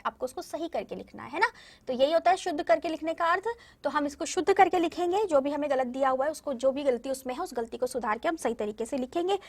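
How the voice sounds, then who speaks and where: High-voiced woman teaching young children. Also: a bit bright. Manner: patient, explains step by step, often checks with "theek hai na". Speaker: primary school Hindi teacher. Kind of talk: recorded classroom lesson addressing children.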